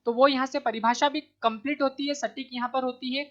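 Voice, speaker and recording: Woman exam tutor, slightly high voice, patient and repetitive, on muffled lo-fi audio. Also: steady tone, brisk, fairly bright tone. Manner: explains step by step, repeating answers with "ठीक है". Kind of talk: online exam-prep lesson. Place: Madhya Pradesh, India. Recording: dull lo-fi recording.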